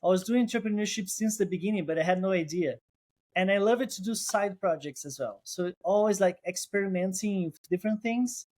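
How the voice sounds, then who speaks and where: A Brazilian-accented co-founder, appearing as a guest in a casual interview, speaks briskly in a high-pitched, darkish voice. He's thoughtful, restarts phrases and uses non-native phrasing.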